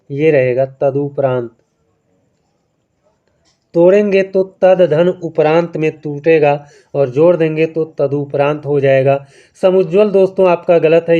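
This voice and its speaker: A man's voice: a little high, mellow, highs cut off. A man teaching a Hindi spelling quiz lesson. He explains step by step, asks and answers his own questions, and keeps checking in with viewers. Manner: keeps addressing viewers as friends, adds "है ना".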